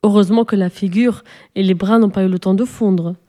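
Woman as a gentle, firm storybook mother, warm, mellow tone. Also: mid-range voice, fairly even intonation, fairly quick, close to an everyday voice. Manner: patient, warning.

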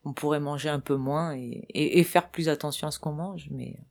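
A woman's voice: low-pitched, moderate pace, gravelly, darkish tone. A woman from France answering street interview questions, hesitant, with many fillers and restarts. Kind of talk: vox pop interview answers.

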